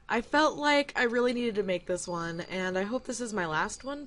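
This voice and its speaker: A woman's voice: medium pitch, fairly bright tone. A young adult woman giving a casual, digressive rant to camera, laughing mid-sentence and swearing now and then. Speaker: YouTuber.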